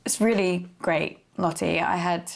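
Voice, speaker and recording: An actress playing a hesitant young daughter who talks in halting, unsure bits. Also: female voice, lowish voice, fairly even intonation, creaky.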